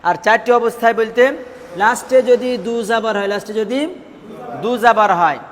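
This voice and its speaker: A man's voice: high voice, normal speed, fairly bright tone, big-room sound. A man teaching Quran recitation rules in a classroom, asking his students questions, repeating the answers and drawing out syllables as a drill. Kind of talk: classroom lesson.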